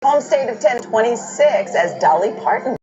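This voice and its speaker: Mellow-voiced woman weather presenter. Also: fairly high pitch, lively intonation, moderate pace, soft background music. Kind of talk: live TV weather report. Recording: dull lo-fi broadcast.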